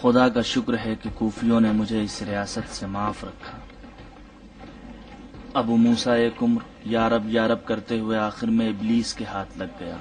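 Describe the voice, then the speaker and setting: A man voicing a stern, devout commander in a dubbed historical drama, speaking in a grave, measured way. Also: on the low side, level tone, far from the mic, a little hiss or hum, natural voice.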